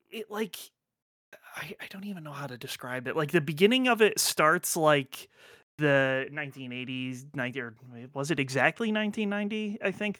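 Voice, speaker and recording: A man's voice: on the high side, bright, forceful tone, dry recording, clean studio sound. A man hosting a podcast in casual chat, rambling with lots of fillers, restarts and offhand swearing. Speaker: podcast host.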